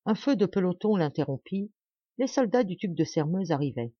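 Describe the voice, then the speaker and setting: A woman reading a classic novel aloud in a measured, dramatic storytelling manner. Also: on the low side, expressive, slightly rough, no echo, dull audio. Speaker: audiobook reader. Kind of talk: audiobook narration of a classic novel.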